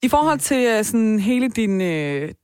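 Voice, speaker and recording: A woman's voice: fairly high pitch, sing-song, darkish tone, smooth, dry recording, clean studio sound. Supportive woman podcast co-host. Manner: supportive, chimes in with frequent agreement. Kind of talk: casual podcast interview.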